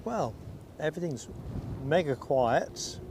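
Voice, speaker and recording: A man's voice: on the high side, lively intonation, takes it slowly. A man hosting a live stream outdoors near an airport, chatting casually and reading out viewer comments. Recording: outdoor stream with clear background noise. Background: outdoor ambience and passing vehicles.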